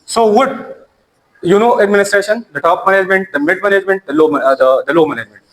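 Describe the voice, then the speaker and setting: High-voiced man giving a lecture. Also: fairly bright tone, rough recording. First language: Urdu. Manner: halting, repeats words and restarts. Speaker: teacher. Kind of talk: classroom lecture.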